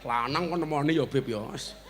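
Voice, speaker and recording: A man with a Javanese accent preaching a humorous sermon, joking and bantering with the audience and now and then breaking into shouts. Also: mid-range voice, moderate pace, noisy background. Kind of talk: humorous sermon at a village gathering.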